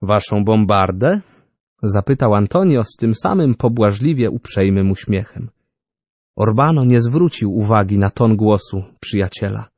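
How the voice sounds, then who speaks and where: A man narrating an audiobook in a measured, deliberate reading. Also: lowish voice, animated, darkish tone, no room sound. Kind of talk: scripted narration.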